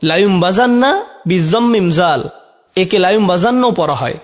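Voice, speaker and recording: A man's voice: high-pitched, expressive, normal speed. A man with a Bangladeshi Bengali accent dubbing a religious lecture, explaining word meanings and putting rhetorical questions to his listeners.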